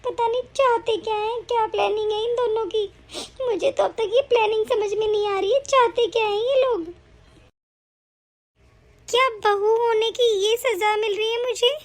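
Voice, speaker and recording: A woman voicing a mistreated young wife and mother in an animated story, earnest, pleading and tearful. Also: very high-pitched, normal speed. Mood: grieving.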